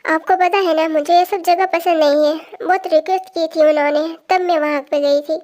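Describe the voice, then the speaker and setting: A woman's voice: very high-pitched, steady tone, normal speed, a little mellow. A woman voicing a cold, aloof young woman. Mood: matter-of-fact.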